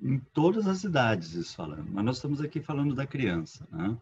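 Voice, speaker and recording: A man's voice: mid-range voice, big pitch swings, a little fast, a little mellow. A man with a Brazilian Portuguese accent giving a spiritist talk on family education, speaking conversationally and often tagging his points with questions to the listener. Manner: conversational, frequent tag questions. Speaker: lecturer. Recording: dull lo-fi with faint background noise.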